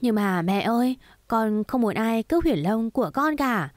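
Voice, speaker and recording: A headstrong, jealous young woman, played by a woman reader in a spoken romance story. She pleads in a raised, slightly higher voice. The recording is dry and close. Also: lively intonation, moderate pace, no echo, natural voice. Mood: pleading.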